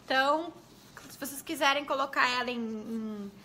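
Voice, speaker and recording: A woman explains classroom activities to other teachers in a friendly, conversational way. Her voice sits high and sounds bright and clear. She keeps checking in with her viewers as she goes. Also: moderate pace, a little hiss or hum. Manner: chatty, explanatory, addresses viewers as gente. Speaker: pedagogue.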